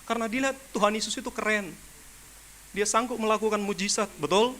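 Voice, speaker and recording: A male pastor preaching a sermon in a high, bright voice. He talks in a colloquial, animated way, with humorous asides, and keeps turning to the congregation with rhetorical questions. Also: fast, slight background noise. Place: church service.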